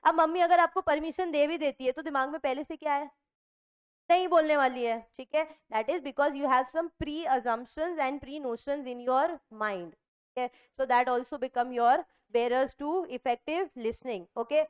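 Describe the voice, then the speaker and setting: High-voiced Indian woman lecturing a class. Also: slow, muffled recording. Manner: lively, asks the class questions and answers them herself; mixes Hindi and English. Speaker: commerce lecturer.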